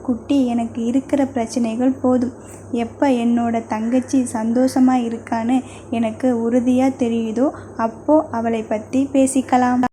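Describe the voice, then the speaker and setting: Female narrator playing a blunt protective brother; flat, dark delivery. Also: fairly high pitch, a little slow, a little hiss or hum, natural voice. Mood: firm. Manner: blunt, curt replies. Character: stern, protective young man, an older brother. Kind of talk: audio novel reading.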